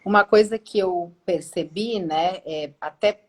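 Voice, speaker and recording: A woman's voice: fairly low pitch, a little slow. A woman hosting an interview, talking reflectively and thinking aloud with hesitations. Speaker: interview host. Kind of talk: conversational interview.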